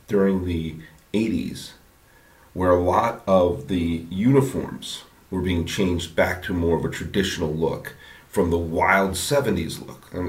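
A man hosting a podcast in a casual, rambling, halting monologue, recorded in an echoing bathroom. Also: low voice. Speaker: podcast host. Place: home bathroom, indoors. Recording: echoey bathroom reverb.

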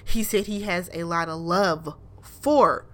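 A woman casually recapping a reality show in a blunt, animated way, with frequent swearing. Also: lowish voice, takes it slowly. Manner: mimics show cast members in raised voices.

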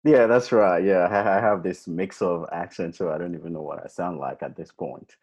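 Deep-voiced man hosting over a muffled call. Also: steady tone, moderate pace, darkish tone, husky. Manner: rambling, enthusiastic. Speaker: podcast host. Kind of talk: casual interview chat.

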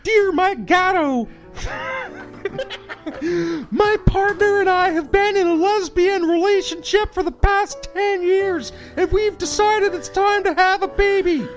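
A man voicing a bold Canadian woman reading her letter, in a loud, drawn-out high falsetto. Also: lo-fi sound, faint music behind, exaggerated voice. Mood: brazen.

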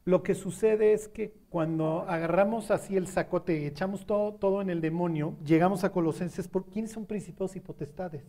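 Mexican guy preaching, fairly high voice, casual and conversational, asks if everyone gets it. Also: moderate pace, few pauses, warm tone. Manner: conversational, asks the audience questions. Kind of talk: sermon.

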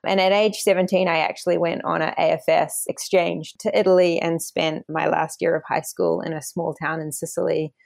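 A woman's voice: lowish voice, flat delivery, moderate pace, creaky, hardly any pauses, a little mellow. A woman from New Zealand with a broad New Zealand accent, giving reflective, explanatory answers as an interview guest in a conversational style. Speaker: interview guest, academic author.

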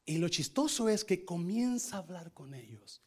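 Animated bilingual pastor, high lively voice. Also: male voice, moderate pace, slightly rough. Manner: animated storytelling, switching between Spanish and English; asks the congregation questions. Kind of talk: sermon with personal story.

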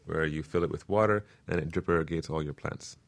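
A guest permaculture designer explains his work in a casual interview, walking through practical matters earnestly and step by step. He often checks in with "right?" His very deep voice moves along a little fast.

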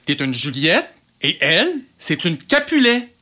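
A woman's voice: low-pitched, very animated, measured pace, sharp tone, full character voice. A woman voicing an exasperated male amateur theatre director with a Quebec French accent, who keeps correcting his actors.

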